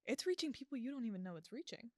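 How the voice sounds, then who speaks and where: A young woman speaking casually and earnestly on a faith podcast, encouraging and quick to laugh. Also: on the high side, animated, no room sound, studio quality. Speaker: podcast guest.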